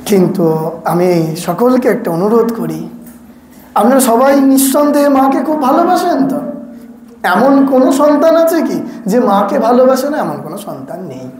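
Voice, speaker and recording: A man's voice: extremely high pitch, lively intonation, moderate pace, a little mellow. An older man, a monk, giving a sermon to an audience, questioning them directly and adding wry asides. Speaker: monk giving a spiritual talk. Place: hall with an audience. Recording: echoey hall.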